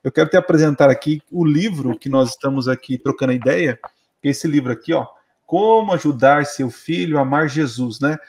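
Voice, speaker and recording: Man, father, casual chat, animated, hesitant restarts, somewhat high voice. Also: brisk. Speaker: father, co-host of the conversation. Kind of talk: casual conversation.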